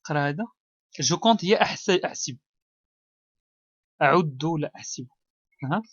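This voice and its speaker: A man with a Moroccan accent, a primary school teacher giving a child a one-on-one reading test, coaxing patiently, repeating words slowly and mixing French with Arabic. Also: a little high, lively intonation, a bit bright, breathy edge, dry recording. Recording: dull dry lo-fi recording.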